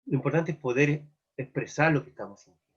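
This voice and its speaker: A man's voice: fairly high pitch, fast, breathy edge. A man with a Chilean accent preaching a sermon at a live virtual church meeting, earnestly asking his listeners one searching question after another. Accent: Chilean Spanish. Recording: dull lo-fi online meeting audio.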